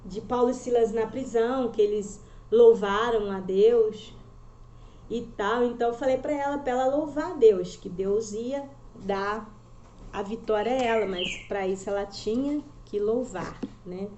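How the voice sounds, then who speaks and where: A woman's voice: fairly high pitch, measured pace, warm tone, slight background noise. A woman, a mother, telling an emotional religious testimony in an earnest, repetitive storytelling way. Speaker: mother giving a faith testimony. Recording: roomy echo, slightly dull sound.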